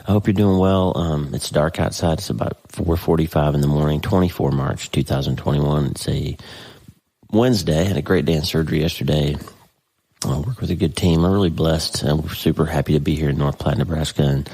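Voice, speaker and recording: Here a congested middle-aged man with a warm bass voice and a breathy edge talks briskly through a casual faith podcast at his home office desk. His delivery is earnest and folksy, full of restarts. The recording is rough, with no room sound.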